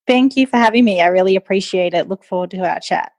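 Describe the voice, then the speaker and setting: Australian woman, relaxed interview guest. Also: mid-range voice, fast talker, no room sound. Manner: relaxed, frequent ums and likes. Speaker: guest, nutritionist. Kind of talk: casual interview.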